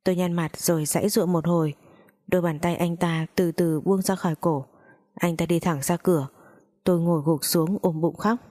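A woman reading a dramatic first-person story in a steady, somber way. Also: lowish voice, moderate pace. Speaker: story narrator.

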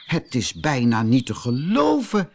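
A man voicing a sensible, practical older wife in a storybook, speaking calmly in a raised voice. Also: medium pitch, unhurried, gravelly, heavily acted.

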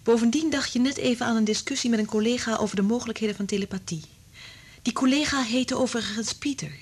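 In a radio drama, an actress plays a married woman who is anguished and bitter, speaking with intense, confiding emotion. Her breathy, husky voice sits on the high side, moves at a quick pace, and drops to whispers. The mood is tense and insistent.

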